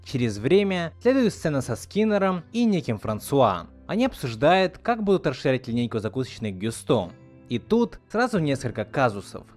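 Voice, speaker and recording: A man reviews film dubbing as the host of a scripted video essay, his medium-pitched voice very animated yet a little mellow at a moderate pace. The commentator-style voice-over is set over background music.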